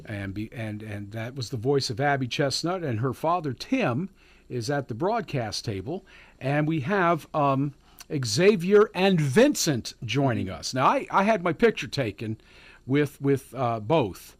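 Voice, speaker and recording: A man hosting a live morning radio show, chatting in a halting, folksy way from the studio and calling listeners neighbor. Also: medium pitch, sing-song, no echo. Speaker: radio host. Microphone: studio mic.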